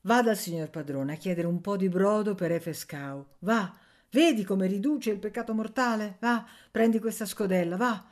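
A woman's voice: mid-range voice, lively intonation, moderate pace, darkish tone, voice pushed up, natural voice. Woman playing pitying old village woman. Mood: pitying, urging. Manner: pitying, urging.

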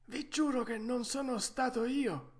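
A man's voice: very high voice, a little slow, pitched above the performer's own voice. A man voicing a timid old carpenter in a storybook reading, with a thin, deferential voice. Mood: defensive.

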